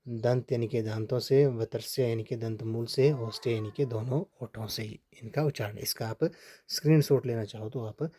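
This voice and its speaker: A man teaching a Hindi grammar lesson for exam preparation, steady and repetitive, often checking in with "ठीक है". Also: mid-range voice, moderate pace, a little hiss or hum. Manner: steady, repeats points with frequent "ठीक है" checks.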